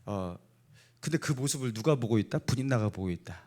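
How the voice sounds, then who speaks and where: A man's voice: mid-range voice, lively intonation, a little fast, darkish tone. A middle-aged man preaching a Sunday sermon in a church, asking the congregation playful either-or questions and chuckling between points. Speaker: pastor. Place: church sanctuary.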